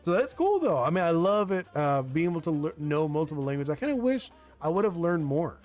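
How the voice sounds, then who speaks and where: Very animated and a little fast, this young man's voice is slightly high with a darkish tone. A native Spanish speaker, he designs a card game on a live stream, chatting casually and rambling with many "like"s and restarts while music plays faintly.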